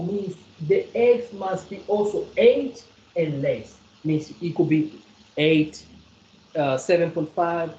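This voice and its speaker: A woman's voice: sits low, warm tone, roomy sound, lo-fi sound. A South African woman tutoring a student in maths one on one, repeating points and quizzing the student as she explains. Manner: repetitive, coaxing, quizzes the student.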